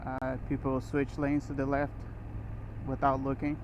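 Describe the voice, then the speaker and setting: A man's voice: medium pitch, completely flat delivery, measured pace. A man who grew up in Brazil, talking casually and rambling as he rides a motorcycle through city traffic, recorded on a helmet mic. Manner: rambling, with restarts and short laughs. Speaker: motorcycle vlogger. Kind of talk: casual riding commentary. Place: riding a motorcycle on city roads. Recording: muffled helmet audio with road noise.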